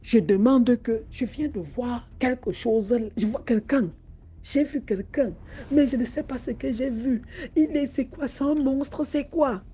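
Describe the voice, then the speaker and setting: Une femme qui joue une jeune femme terrifiée, qui panique et enchaîne des questions affolées. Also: female voice, on the high side, racing, few pauses, warm tone, slightly rough, pitched above the performer's own voice. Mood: panicked. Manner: frantic, repeated questions. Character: terrified young woman, panicking and shrill.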